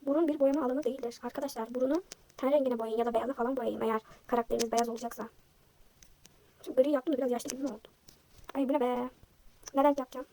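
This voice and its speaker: A young woman vlogger chatting casually while she draws, self-deprecating and thinking aloud, her voice slightly hoarse from a sore throat. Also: fairly high pitch, fairly even intonation, quick pace, long pauses, mellow. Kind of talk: casual chat while drawing.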